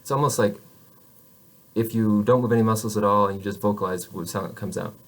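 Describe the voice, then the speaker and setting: Guy with a lowish voice walking students through french sounds, patient, repeats stuff a lot. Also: steady tone. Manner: patient, demonstrates sounds slowly, with many restarts. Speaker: French teacher. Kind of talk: pronunciation lesson to camera. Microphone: camera facing the speaker.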